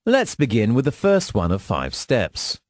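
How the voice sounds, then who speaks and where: A man delivering a scripted instructional monologue in a measured, formal teaching manner. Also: mid-range voice, huge pitch swings, dry recording, clean studio sound. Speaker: lecturer.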